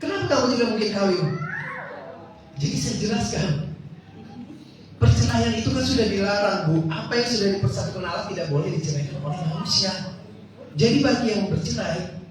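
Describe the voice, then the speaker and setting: A man with a high voice preaches a testimony, speaking directly to the congregation and acting out the conversations he recounts. He sounds distant from the microphone. The hall rings with a lot of echo under a faint hiss. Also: a little fast, crowd noise. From Indonesia. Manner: storytelling, acts out dialogue, addresses congregation. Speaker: guest preacher. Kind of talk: sermon testimony. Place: church hall. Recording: echoey church hall, distant mic, faint noise.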